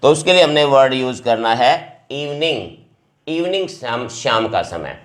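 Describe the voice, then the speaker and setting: Man, English teacher, vocabulary lesson, patient, repeats words, mid-pitched voice. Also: lively intonation, a little slow, fairly bright tone. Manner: explains patiently, repeats each word several times.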